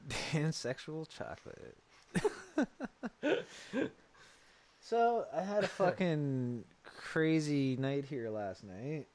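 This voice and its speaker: A man's voice: fairly high pitch, big pitch swings, very slow, pauses often, a little mellow. A man co-hosting a casual podcast, laid-back, swearing often and laughing easily. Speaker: podcast co-host. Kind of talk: casual chat.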